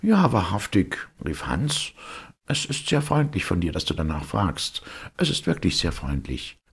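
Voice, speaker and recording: A man's voice: low voice, sing-song, unhurried, creaky, slightly rough, full character voice. A man voicing a humble, naive young gardener who talks in an eager, grateful way, in a storybook reading.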